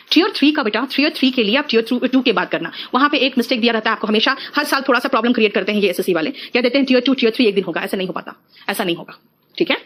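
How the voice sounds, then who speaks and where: A middle-aged woman teaching an exam-prep English lesson, calling her students "beta" and slowing down to spell out example sentences. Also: high-pitched, a bit bright. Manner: addresses students as beta, mixes Hindi and English.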